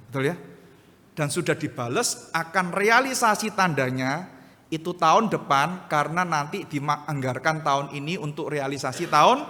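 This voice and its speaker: A pastor with an East Javanese accent, preaching a sermon full of stories and acting out other people's lines with animation. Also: male voice, on the high side, big-room sound. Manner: animated, acts out other voices in anecdotes. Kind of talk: sermon with storytelling. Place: church hall.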